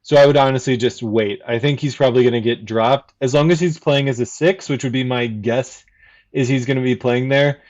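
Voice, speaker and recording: A man chatting as a fan guest on a casual podcast, explaining his points at length in a measured, analytical way. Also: medium pitch, fairly even intonation, a little mellow, muffled recording.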